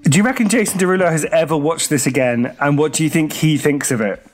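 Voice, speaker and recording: Man, podcast co-host, casual chat, blunt, swears casually, slightly high voice. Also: quick pace, faint music behind.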